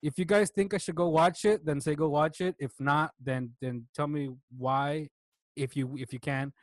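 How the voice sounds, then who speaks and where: A man's voice: on the high side, steady tone, moderate pace, no room sound. A man co-hosting a casual podcast chat, talking hesitantly with many restarts. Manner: hesitant, lots of restarts and fillers. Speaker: podcast co-host.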